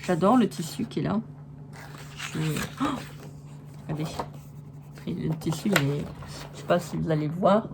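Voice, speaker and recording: A woman's voice: lowish voice, moderate pace, vocal fry, pauses often, background noise. A woman chatting enthusiastically in a casual crafts haul video, with many fillers and restarts. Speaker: crafts vlogger.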